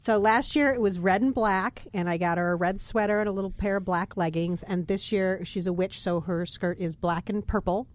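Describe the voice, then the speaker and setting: A middle-aged woman on a casual chat show, telling lively anecdotes and acting out what people said. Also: mid-range voice, normal speed, hardly any pauses. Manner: lively anecdote teller, acts out quotes. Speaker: podcast co-host.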